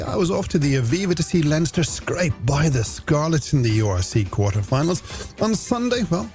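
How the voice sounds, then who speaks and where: Late at night in a radio studio, an Irish man hosts a music show and talks warmly to his audience in scripted links. His voice sits on the high side with a somewhat dark tone, and music plays underneath him.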